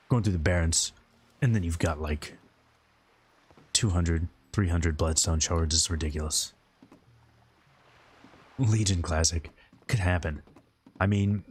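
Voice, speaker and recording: Hosting a casual gaming livestream, this man rambles informally and responds to viewer chat in a low voice with a breathy edge.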